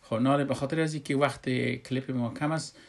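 A man's voice: medium pitch, steady tone. Dari-speaking man teaching Quran recitation. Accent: Afghan Dari. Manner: explains step by step with many "uh" fillers, then chants example words louder and slower. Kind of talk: tajweed lesson with slow drawn-out example words.

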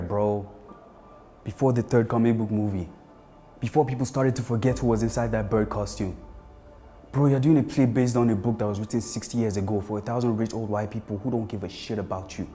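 A young man in his twenties performing a monologue as a blunt friend tearing into a fading star. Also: close to an everyday voice. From Nigeria. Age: 20s. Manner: confrontational, swings from low scorn to loud outbursts. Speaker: actor performing an audition monologue. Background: faint music.

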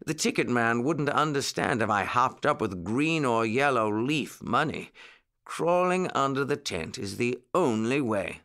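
A man voicing an elderly, cheerful rabbit gentleman in a storybook who speaks eagerly and keeps exclaiming. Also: mid-range voice, measured pace. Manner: excitable, exclaiming.

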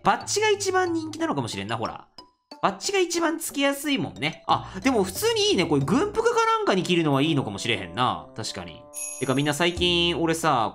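Young kansai woman chatting thru a game for her viewers, voice jumps all over, bit of music under it. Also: low voice. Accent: Kansai Japanese. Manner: chatty, animated, talks to viewers. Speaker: gaming YouTuber. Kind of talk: let's play commentary.

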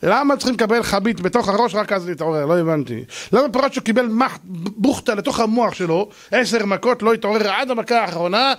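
A man, a rabbi, giving a lively Torah lecture, telling stories and acting out their characters. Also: high-pitched, hardly any pauses. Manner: animated storytelling, acting out characters.

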